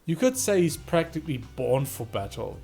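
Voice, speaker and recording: A man voicing a cool, loyal male mercenary biker in a game, calm and tough. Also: on the high side, normal speed, vocal fry, breathy edge, soft background music, exaggerated voice. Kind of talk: reading game dialogue aloud.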